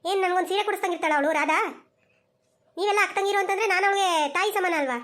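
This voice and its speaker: A woman's voice: very high-pitched, rapid-fire, fairly bright tone. A woman voicing a stubborn, quarrelsome elderly mother-in-law in a village cartoon, who talks insistently and repeats herself. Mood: bossy. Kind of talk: cartoon voice acting.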